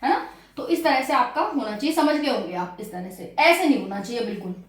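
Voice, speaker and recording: High-pitched lady teacher explaining stuff, chatty and repetitive, roomy echo. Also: lively intonation, fairly quick. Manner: chatty, repeats points, addresses viewers as friends. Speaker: exam coaching teacher. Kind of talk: casual classroom-style explainer.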